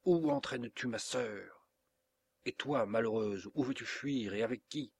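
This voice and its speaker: A man voicing an angry, hot-headed young nobleman in an audiobook, shouting challenges. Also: medium pitch, measured pace, gravelly, breathy edge. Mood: furious. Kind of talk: audiobook character reading.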